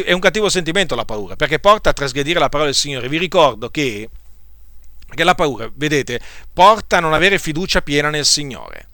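A man's voice: fairly high pitch, sharp tone, no echo, clean studio sound. A man preaching a sermon to his congregation, asking rhetorical questions and urging them on. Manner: rhetorical questions, emphatic exhortations.

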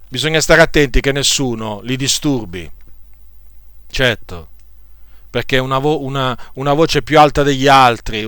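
A man's voice: mid-range voice, bright, forceful tone, clear, resonant tone, no echo, studio quality. A man preaching a sermon, rebuking his listeners with emphatic, repeated phrases.

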